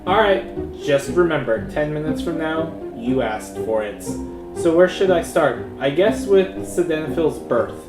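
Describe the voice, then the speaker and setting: A man's voice: a little high, expressive, measured pace, music in the background. A man playing a smug, mischievous tabletop gamer in a comedy sketch. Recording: echoey room.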